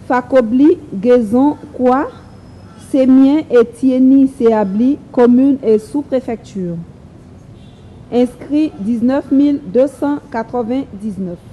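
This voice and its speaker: A woman reads out official election results in a formal, deliberate way. Her voice sits fairly high yet sounds mellow and soft-edged. She takes her time, spacing out each name and number very slowly. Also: a little hiss or hum, low-quality recording. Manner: slow, measured, reads each figure deliberately.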